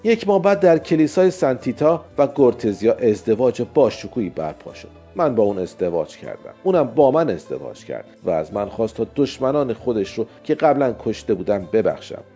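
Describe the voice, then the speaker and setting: A man narrating a story as a dramatized audiobook, theatrical, swinging between loud outbursts and hushed asides. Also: mid-range voice. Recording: narration with faint music behind. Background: faint music.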